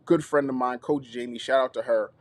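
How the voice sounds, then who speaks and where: Animated man coaching on a live stream. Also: mid-range voice, brisk, no room sound. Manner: animated, repeats phrases, checks in with viewers. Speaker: content creation coach and live stream host. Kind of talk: YouTube live teaching session.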